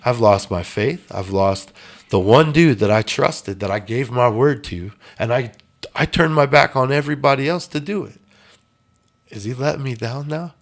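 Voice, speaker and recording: A man telling his life story in an earnest, intense way, dropping quiet and then rising loud. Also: medium pitch, moderate pace. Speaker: interview guest. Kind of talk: emotional storytelling.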